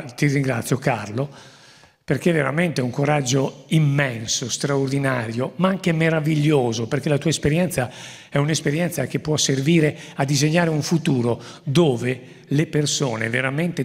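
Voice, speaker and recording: A gravelly, husky-voiced man speaks into a handheld microphone on a theatre stage, urging the crowd with insistent, repeated warnings. A long hall reverb trails each phrase. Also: medium pitch. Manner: emphatic, exhorting the audience. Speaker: moderator. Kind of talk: public talk at a conference. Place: theatre stage before a large audience.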